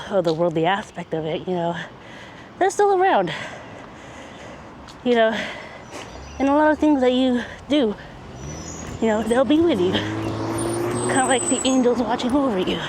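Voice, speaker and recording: A person talking in halting phrases while running outdoors, recording a casual, reflective vlog monologue. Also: medium pitch, darkish tone. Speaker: vlogger. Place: outdoors, on a run. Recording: clear outdoor noise, passing vehicles.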